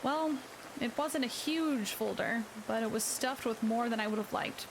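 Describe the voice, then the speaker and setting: A woman reading her own novel aloud in a quiet, soft first-person voice as a whispered role-play. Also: fairly high pitch, normal speed. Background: rain and crackling fireplace.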